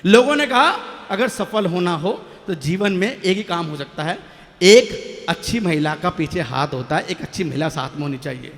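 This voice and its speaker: Male stage comic poet, high voice, jokey storyteller who banters with the crowd, reverberant live mic. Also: animated, moderate pace, fairly bright tone. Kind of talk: comic poetry recital.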